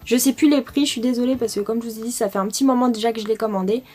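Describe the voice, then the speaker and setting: Young french woman gushing about her makeup faves, lots of euh, soft music under it. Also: fairly high pitch, fairly even intonation, rapid-fire. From France. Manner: chatty, many fillers, enthusiastic about products. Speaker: beauty vlogger. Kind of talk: casual product review.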